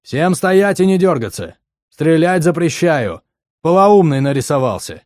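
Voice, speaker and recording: A man's voice: mid-range voice, lively intonation, normal speed, dark tone, no room sound, clean studio sound, close to an everyday voice. A man voicing a menacing male mercenary commander who barks orders and mocks. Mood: shouting. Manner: barking commands, mocking.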